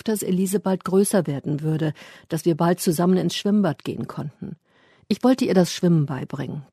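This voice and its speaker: A man narrates a first-person story in a measured, reflective reading. His voice is warm and relaxed, with a soft, breathy huskiness, and the recording is close and dry. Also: sits high, no echo. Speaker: audiobook narrator.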